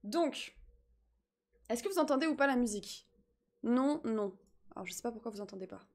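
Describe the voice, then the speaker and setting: A woman streaming live, chatting excitedly with her viewers while fixing her setup. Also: on the high side, normal speed. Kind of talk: live gaming stream chat.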